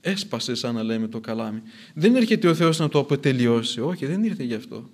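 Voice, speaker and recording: A man's voice: mid-range voice, lively intonation, a little mellow. A man preaching a sermon in an earnest way, repeating phrases for emphasis as his intensity rises and falls.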